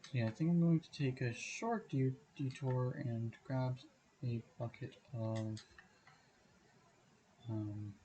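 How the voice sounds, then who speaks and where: A slightly hoarse man streaming a game, thinking aloud and correcting himself as he goes. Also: mid-range voice, takes it slowly, long pauses, mellow, a little hiss or hum, rough recording. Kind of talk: livestream gameplay commentary. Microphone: desk mic on a stand.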